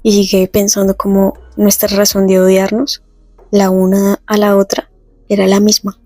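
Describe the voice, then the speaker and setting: A woman casually retelling a comic story, reading the characters' lines slowly and chatting between them. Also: medium pitch, completely flat delivery, warm tone, no room sound, faint music behind. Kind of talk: casual comic recap with read-out dialogue.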